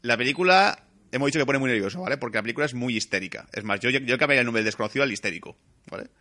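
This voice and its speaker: A man from rattling through a film review at high speed. His voice is bright and forward. He is animated, swears and jumps into acting out scenes. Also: racing. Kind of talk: casual chat.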